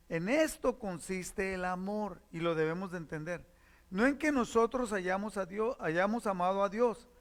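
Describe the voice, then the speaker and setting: A man's voice: high voice, long reverb tail. A man preaching a sermon as pastor, reading verses and explaining them, repeating key phrases to teach.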